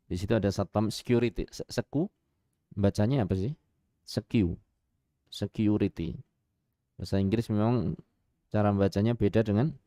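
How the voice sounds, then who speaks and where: Recorded with clean studio sound and no room ambience, a man with a fairly low voice and a Javanese accent preaches on the radio as an Islamic preacher, spinning lively stories with rhetorical questions and chuckles.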